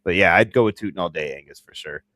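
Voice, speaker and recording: A man co-hosting a live fantasy football draft chat, excitable and slangy, laughing easily. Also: low voice, quick pace, dry recording. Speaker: fantasy football podcast co-host.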